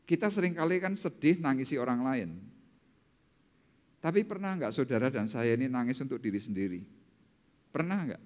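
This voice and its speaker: Man preaching in an echoing church. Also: lively intonation. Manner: dramatic, slowing down and rising in pitch for scripture quotes. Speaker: pastor. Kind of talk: sermon. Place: church service hall. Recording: long hall reverb in a church.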